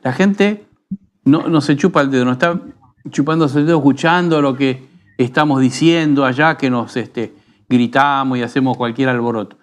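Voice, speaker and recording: Argentine pastor teaching in an unhurried tone. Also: male voice, medium pitch, fairly even intonation. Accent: Rioplatense Spanish. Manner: unhurried, teaching tone with frequent rhetorical tag questions. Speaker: pastor and radio program host. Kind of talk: conversational preaching.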